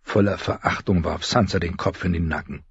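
Male audiobook narrator, low and husky, expressive, dry close sound. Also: brisk, no room sound, lo-fi sound. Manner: expressive storytelling. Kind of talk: scripted narration.

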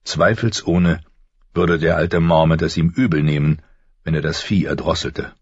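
Super deep guy reading a story slowly, husky, dull dry recording. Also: fairly even intonation, dry recording. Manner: slow, measured reading. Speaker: audiobook narrator. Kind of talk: scripted narration.

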